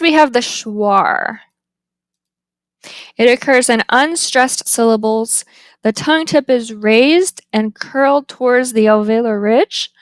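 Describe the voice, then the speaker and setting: A woman giving a phonetics lecture over slides, deliberately spelling out example words one at a time. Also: on the high side, no echo. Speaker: phonetics instructor.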